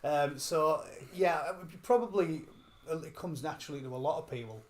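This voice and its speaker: A man's voice: fairly high pitch, normal speed. A man chatting as an interview guest, talkative and cheerfully foul-mouthed. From England. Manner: chatty, swearing, self-described gobshite. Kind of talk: casual interview chat.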